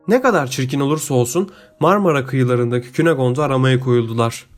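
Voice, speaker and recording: A male audiobook narrator tells the story in a steady, measured way, his voice at a middle pitch. Soft music plays faintly under the reading. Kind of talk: scripted narration.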